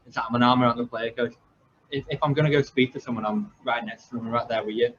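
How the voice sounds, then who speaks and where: A man's voice: mid-range voice, level tone, fast, a bit bright, slight background noise. Rambling young man, muffled podcast audio. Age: 20s. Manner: rambling storyteller with many fillers and restarts. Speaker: football coach and podcast host. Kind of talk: casual podcast chat.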